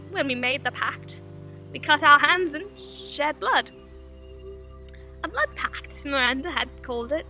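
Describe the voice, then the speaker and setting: In a tinny, noisy, band-limited amateur film recording, a young woman delivers a dramatic monologue as an intense, repressed aristocratic spinster haunted by her youth. Her high voice is pushed, bright and exaggerated, and her confessional phrasing is theatrical and deliberate.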